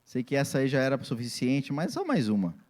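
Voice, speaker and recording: A man's voice: mid-range voice, wildly swooping pitch, a little fast, a little mellow. A man, preaching a sermon as pastor and acting out family scenes in different voices.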